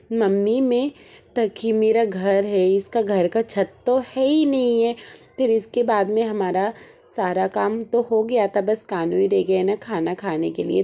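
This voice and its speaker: In her home kitchen, a young woman with a Malwi Hindi accent narrates her day for a vlog, sounding tired. Her medium-pitched, dark voice has vocal fry, and her chatty, homely delivery rambles with lots of fillers.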